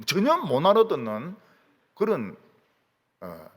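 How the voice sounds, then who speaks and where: A man's voice: a little high, wildly swooping pitch, slow, slightly rough. A male pastor delivering a sermon with emphatic rhetorical questions, recorded in a church hall. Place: church sanctuary. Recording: long reverb of a church hall.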